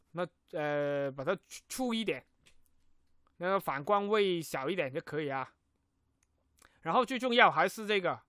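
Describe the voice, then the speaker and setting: A man with a Cantonese accent in his Mandarin, narrating a casual software tutorial and dropping in English terms. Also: sits high, no room sound, clean studio sound. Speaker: tutorial host. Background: music behind the voice.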